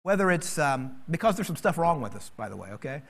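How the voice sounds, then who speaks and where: A man preaching a sermon as pastor, animated and acting out quoted voices. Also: on the high side, brisk, gravelly.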